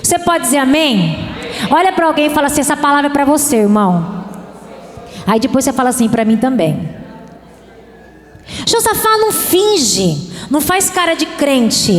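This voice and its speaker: A woman's voice: sits high, expressive, normal speed, long pauses. A woman pastor with a Brazilian Portuguese accent, preaching a sermon with bursts of emphasis and playful asides. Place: church. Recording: long reverb of a church hall.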